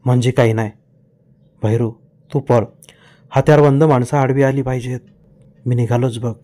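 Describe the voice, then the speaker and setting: A man's voice: medium pitch, fairly even intonation, normal speed, dark tone, voice pushed down, natural voice. A man voicing a bold village fighter who gives curt, urgent orders. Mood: urgent commanding.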